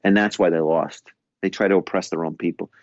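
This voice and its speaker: A man's voice: low-pitched, fairly even intonation, brisk, dry recording, highs cut off. A man with a New York accent, co-hosting a podcast in a casual, rambling chat with many restarts and stammers. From New York State. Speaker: podcast co-host. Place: London.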